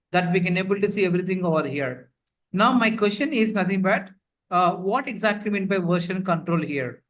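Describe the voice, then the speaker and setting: A man with a high-pitched, somewhat bright voice leads an online class live over video call, heard through a computer microphone. He keeps circling back over the same points, peppering them with fillers like "like, you know."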